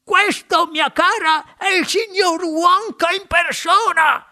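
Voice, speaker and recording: A storyteller voicing an eager, excitable old grandfather in a children's audiobook. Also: very high voice, takes it slowly, vocal fry, pitched above the performer's own voice, full character voice. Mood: excited. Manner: eager, exclaiming.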